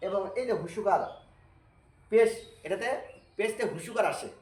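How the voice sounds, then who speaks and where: High-voiced man teaching Arabic letters. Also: darkish tone, reverberant, rough recording. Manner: repeats drills slowly and patiently, asks and answers own questions. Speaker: Quran teacher. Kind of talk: Arabic reading lesson.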